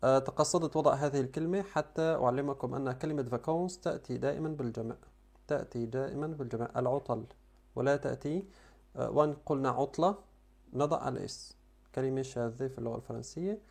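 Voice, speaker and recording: A man whose first language is Arabic, teaching French pronunciation and slowly repeating each sound and word. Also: medium pitch, vocal fry, a little mellow. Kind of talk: language lesson.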